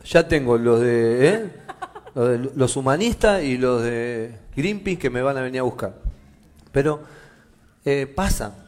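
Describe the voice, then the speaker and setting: A middle-aged man with a Rioplatense Spanish accent, preaching a conversational sermon to his congregation with jokes and loud, emphatic peaks. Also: medium pitch, expressive, a little slow. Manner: swings from quiet asides to loud emphatic preaching. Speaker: pastor. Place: church meeting room with a congregation.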